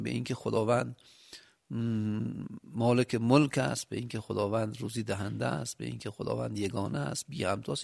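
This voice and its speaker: A man from Yazd with a Yazdi accent, giving a sermon with rhetorical questions and a loudness that rises and drops. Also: mid-range voice, creaky. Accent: Yazdi Persian. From Yazd, Iran. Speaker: preacher.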